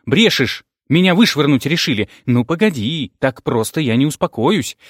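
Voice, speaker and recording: A man reading an audiobook, voicing a grasping, hot-tempered young woman who shouts. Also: big pitch swings, moderate pace, dry recording, clean studio sound. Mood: furious. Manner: shrill, shouting outbursts.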